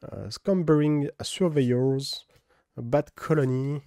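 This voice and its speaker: A man speaks in an unhurried, mellow voice as he opens card packs for his channel. He drops in plenty of fillers and carefully sounds out card names, all captured dry and close on the mic. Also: mid-range voice, no room sound. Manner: relaxed, many fillers, reads card names slowly in a put-on English accent. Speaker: card-opening video host. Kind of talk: casual unboxing commentary.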